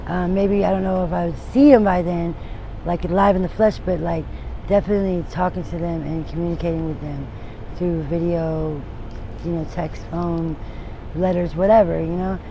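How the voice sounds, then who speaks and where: A woman's voice: fairly low pitch, fairly even intonation, moderate pace, mellow. A woman in her forties giving a candid street interview, rambling and frank with many restarts and trailing thoughts. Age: 40s. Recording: noisy outdoor street recording with traffic.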